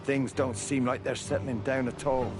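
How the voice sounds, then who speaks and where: An actor playing a worried older farmer in a video game, blunt and agitated. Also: male voice, medium pitch, flat delivery, normal speed, over music, natural voice.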